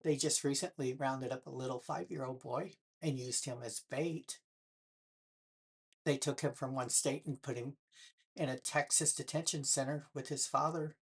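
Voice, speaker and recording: A woman's voice: extremely low pitch, steady tone, normal speed, breathy edge. An older woman speaking straight to her viewers, firing pointed rhetorical questions with a sarcastic edge. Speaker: political vlogger. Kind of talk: direct-to-camera commentary.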